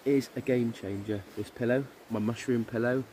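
A man's voice: medium pitch, steady tone, normal speed, mellow, a little hiss or hum. A man, chatting casually to camera at a woodland camp, easygoing and full of ums. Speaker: outdoor camping vlogger. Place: woodland camp outdoors by a river.

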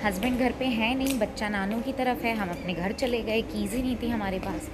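A woman's voice: a little high, brisk, heavy background noise. A young adult woman, chatting casually in a vlog and mixing in English phrases. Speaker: vlogger.

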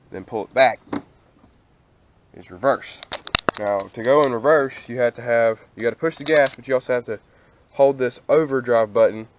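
A man's voice: medium pitch, slight background noise. A young man, casually showing off his vehicles in a rambling vlog walkthrough, recorded outdoors on an action camera. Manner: laid-back, rambling, casual slang. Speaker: vlogger. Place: outdoors in a rural yard. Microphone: action camera mic.

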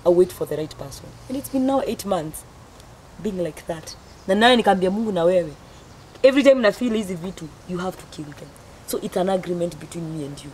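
Low-pitched young Kenyan woman, talking fast. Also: lively intonation, a little mellow. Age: young adult. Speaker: guest, comedian. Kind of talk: casual storytelling, mixing Swahili and English. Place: outdoor garden. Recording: clearly noisy outdoor ambience.

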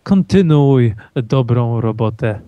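A young man joining a casual game chat, playful and quick to agree. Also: medium pitch, expressive, warm tone, dull audio, slight background noise. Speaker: co-host player.

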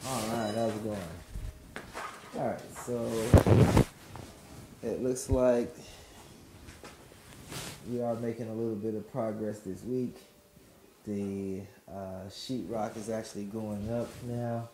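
A man calmly narrating a walkthrough of an apartment building he is renovating, explaining each step in a measured, instructive way. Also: lowish voice, very noisy. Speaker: property investor and renovation vlogger. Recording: echoey empty rooms, background music.

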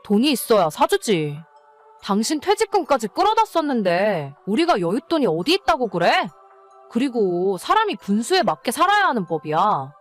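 Woman acting exasperated scolding wife, animated higher voice. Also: moderate pace, faint music behind. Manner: nagging, scolding. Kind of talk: scripted story narration and dialogue.

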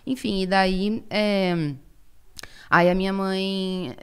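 A woman in her late twenties, a podcast guest telling a personal story in casual chat, animated, with many fillers. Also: mid-range voice, drawn-out words, clear, resonant tone. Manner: animated, lively retelling with frequent fillers.

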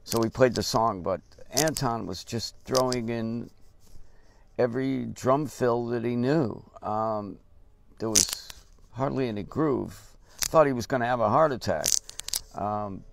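An older man telling a casual story about his drumming days, halting and unhurried, with many pauses and restarts. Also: mid-range voice. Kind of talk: casual spoken anecdote. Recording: noisy recording with clear background hiss.

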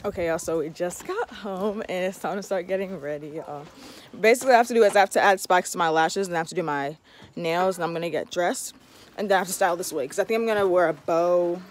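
A woman's voice: lowish voice, fast. Chatty teen girl vlogging at home. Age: teens. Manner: chatty, addresses viewers as y'all. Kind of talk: casual vlog chat.

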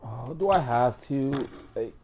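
Slow, lively-voiced man swearing at a game. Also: medium pitch, muffled recording, a little hiss or hum. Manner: profane trash talk, quick laughs. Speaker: gamer. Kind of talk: casual let's-play banter.

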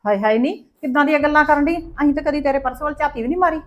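A woman's voice: high-pitched, very fast, close to an everyday voice. A woman playing an older mother-in-law in a home-made family skit. She denies the theft and snaps back with scolding retorts. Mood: defensive.

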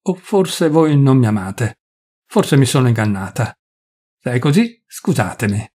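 A man's voice: mid-range voice, very animated, measured pace, darkish tone, husky. A man reading as a feverish dying young woman. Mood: despairing. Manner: pleading, breathless.

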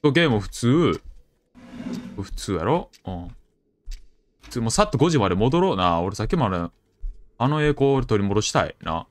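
A young man with a Kansai accent commenting on a horror game as he plays, chatty and jokey, with sudden loud outbursts. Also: medium pitch, big pitch swings, normal speed, pauses often. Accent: Kansai Japanese. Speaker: game streamer.

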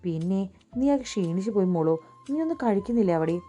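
A woman's voice: mid-range voice, lively intonation, fast, dark tone, faint music behind, close to an everyday voice. A woman voicing a caring middle-aged mother who fusses in a storybook reading. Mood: fussing. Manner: fussing, motherly.

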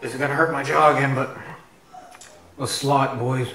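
A man's voice: medium pitch, steady tone, normal speed, reverberant, distant mic, noisy background. Man muffled through a face mask. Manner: mock-melodramatic complaining. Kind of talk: parody food review. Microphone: head-mounted camera.

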